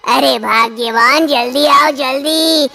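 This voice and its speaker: A woman's voice: sits high, gravelly, sharp tone, heavily acted. A woman voicing an old village father-in-law who drawls his words. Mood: excited. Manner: drawling and slow. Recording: faint music underneath.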